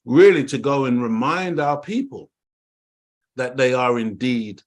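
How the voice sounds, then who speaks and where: With a mid-range voice, lively intonation and an unhurried pace, a middle-aged man from Jamaica co-hosts an online talk show by call. He delivers a passionate, preaching monologue, leaning on emphatic repetition and calling his audience "dear family."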